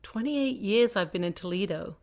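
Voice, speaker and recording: A woman's voice: medium pitch, lively intonation, normal speed, a little mellow. Chatty British woman, theatre guest. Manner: chatty, many restarts and asides. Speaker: guest, theatre company founder. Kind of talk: casual podcast interview.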